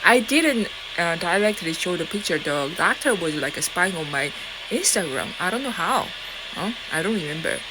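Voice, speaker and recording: With a fairly low pitch and moderate pace, a Korean-accented woman talks straight to her viewers, rambling, defiant, and profane, with frequent fillers and restarts. The recording carries loud, steady background noise.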